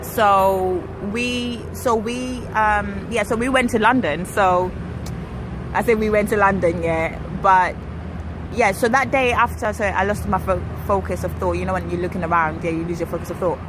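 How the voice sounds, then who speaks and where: A young woman from Kenya telling a personal story to her viewers in a chatty, animated way, outdoors while waiting for a ride. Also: medium pitch, normal speed. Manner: chatty, animated, self-correcting. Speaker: vlogger. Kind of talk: casual storytelling to camera. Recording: street traffic noise behind.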